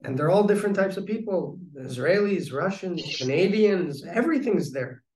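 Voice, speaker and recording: A man with a fairly high voice tells a personal story, earnest and reflective, often stopping to restart a thought. He sounds a little far from the mic, in a room with a noticeable echo. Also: expressive, moderate pace, a little mellow. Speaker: guest telling his recovery story. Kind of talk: storytelling in a conversation.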